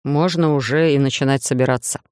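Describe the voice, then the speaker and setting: A woman voicing a bossy, jealous young man in a romance audiobook, gruff and grumbling. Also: a bass voice, steady tone, fairly quick, a little mellow, no echo, clean studio sound.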